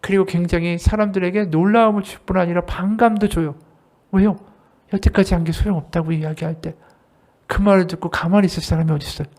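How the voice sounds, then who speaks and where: Pastor preaching at a church service, lively, keeps asking the congregation questions. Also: mid-range voice, fast. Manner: animated, with rhetorical questions to the congregation. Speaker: associate pastor. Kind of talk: sermon.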